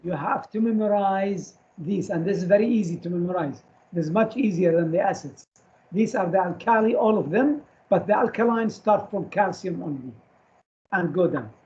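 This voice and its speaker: A man's voice: sits high, normal speed, a little mellow, dull audio. A man lecturing a class on chemistry, firing short questions at students and repeating key terms so they stick.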